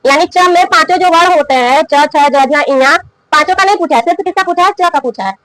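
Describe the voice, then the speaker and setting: In a brisk, high-pitched, fairly bright voice, a woman explains and drills grammar in a classroom lesson, answering her own spoken questions and repeating the key terms. Every so often she coughs. There's no room sound, and the recording quality is rough.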